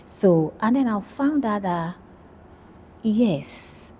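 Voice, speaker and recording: A woman's voice: medium pitch, expressive, extremely slow, dark tone, a little hiss or hum. A woman from Nigeria, a PhD student, talking about her research in a casual interview, friendly and hesitant with many fillers.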